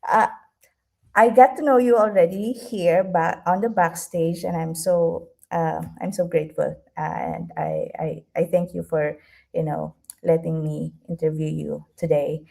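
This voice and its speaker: A woman's voice: on the low side, fairly even intonation, a little slow, vocal fry, warm tone. A woman hosting a live stream interview, talking in a chatty way with many fillers and restarts. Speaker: host.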